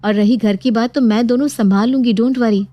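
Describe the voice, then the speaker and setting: A woman voicing a polite, gentle young daughter-in-law in a cartoon story. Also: on the high side, steady tone, brisk, no echo, muffled recording, close to an everyday voice.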